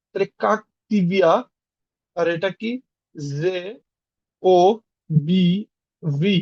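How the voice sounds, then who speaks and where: A man's voice: high voice, no echo, highs cut off. A young man from Bangladesh teaching an online language class, explaining patiently and spelling words out letter by letter.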